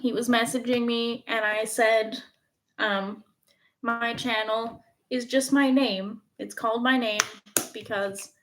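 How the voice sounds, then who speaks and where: A woman's voice: a little high, fairly even intonation, slow, noisy background. A woman from Canada chatting casually on a live stream at home, rambling with lots of fillers, recorded on a phone's front camera. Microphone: phone front-facing camera.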